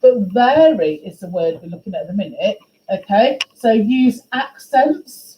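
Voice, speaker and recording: A woman teaching a music class, questioning and encouraging her students in a brisk way. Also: mid-range voice, big pitch swings, dark tone, slight background noise. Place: school classroom. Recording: echoey classroom, faint ambience.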